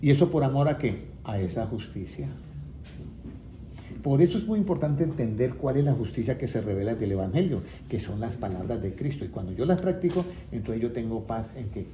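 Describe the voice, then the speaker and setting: A man's voice: medium pitch, animated, brisk, dark tone. A man teaching the Bible to a small group, often asking them questions and waiting for answers. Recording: echoey room with faint background noise.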